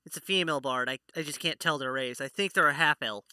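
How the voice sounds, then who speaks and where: A man's voice: on the high side, fast, sharp tone, smooth, dry recording, studio quality. A man narrating a tabletop role-playing game as its playful game master.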